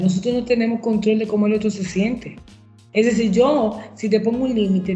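A woman counselor with a warm, mellow voice speaks in a measured, explanatory way and poses reflective questions. Her voice sounds roomy and a little dull, as if recorded in an echoing space. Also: mid-range voice. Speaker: guest counselor on relationships. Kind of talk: advice talk on a show.

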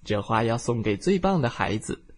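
A man's voice: mid-range voice, sing-song, normal speed, breathy edge. A man voicing a kind, hardworking small forklift who looks after the young vehicles like a patient father, in a bedtime storybook. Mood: gentle. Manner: gentle and patient.

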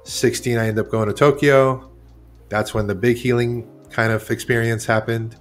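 A man's voice: mid-range voice, little pitch movement, moderate pace, soft background music. A man in his forties, originally from Iran, talking as a guest artist in a casual interview, rambling and correcting himself as he goes. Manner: rambling, candid, self-correcting.

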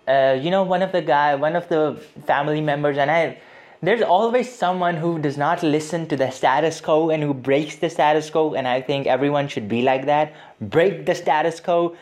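A man's voice: medium pitch, a little mellow. Rambling young man hosting a podcast. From Pakistan. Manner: chatty, rambling, many fillers and restarts. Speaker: podcast host. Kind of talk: casual motivational podcast monologue.

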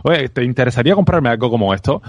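A man with a Cuban accent putting on the voice of a pushy male street salesman, rattling off an insistent pitch. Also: expressive, fast, no room sound, highs cut off, close to an everyday voice.

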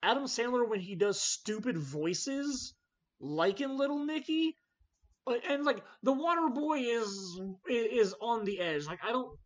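A man's voice: extremely high pitch, animated, a little slow. A man hosting a casual movie podcast, ranting animatedly about films he loves and hates. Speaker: podcast host. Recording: slightly dull lo-fi audio.

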